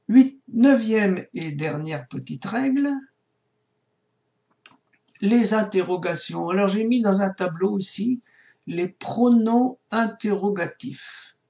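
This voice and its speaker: Slow, patient man teaching Hebrew grammar. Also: high voice, expressive, creaky, a little mellow, muffled recording. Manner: slow, patient, spelling out words. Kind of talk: recorded lesson.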